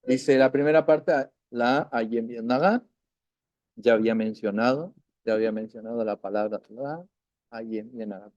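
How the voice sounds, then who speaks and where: A man teaching a recorded language lesson, patiently repeating words slowly and checking in often with "isn't that right?". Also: medium pitch, darkish tone, dry recording, highs cut off.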